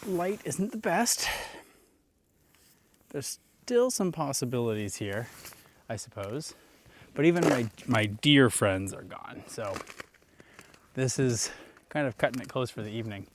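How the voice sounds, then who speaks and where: A man's voice: medium pitch, normal speed, pauses often, slight background noise. A young adult man, a landscape photographer, casually talking to camera while out walking in snowy woods. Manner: relaxed, musing, talks while walking. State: out of breath. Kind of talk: casual vlog narration on location.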